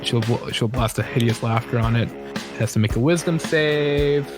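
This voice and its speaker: A man running a tabletop game as game master, explaining rules in a casual, halting way. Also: medium pitch, music in the background.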